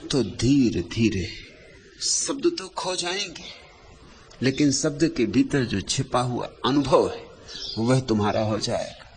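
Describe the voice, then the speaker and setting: A man giving a spiritual discourse as a teacher, speaking in short, lyrical phrases with long pauses and repeated lines for emphasis. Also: medium pitch, expressive, a little hiss or hum.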